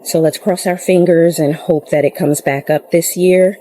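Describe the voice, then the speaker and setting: A woman's voice: fairly low pitch, fairly even intonation, normal speed, dark tone, no echo, low-quality recording. A woman chatting casually through a gardening vlog outdoors in her garden, rambling with fillers and out of breath. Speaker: gardening vlogger. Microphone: camera set up nearby.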